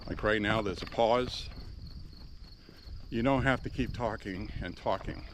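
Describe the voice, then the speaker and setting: Strolling down a quiet rural road, an ex-radio man delivers a casual vlog monologue through a Bluetooth earpiece. He has a lowish voice and the measured, unhurried pacing of a broadcaster. Faint crickets and insects add slight background noise.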